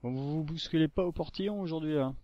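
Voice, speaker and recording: A man's voice: a little high, quick pace, no room sound, highs cut off. Chatty man gaming. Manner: chatty, rambling, coaxing the mobs. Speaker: gaming YouTuber. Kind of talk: casual let's-play commentary. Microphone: desktop microphone.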